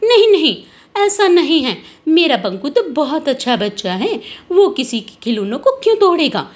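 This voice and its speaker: A proud, quarrelsome mother in a doll story, voiced by a woman, high and indignant as she brags about her son and scolds another child. She talks with a boastful, defensive edge. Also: sing-song, normal speed.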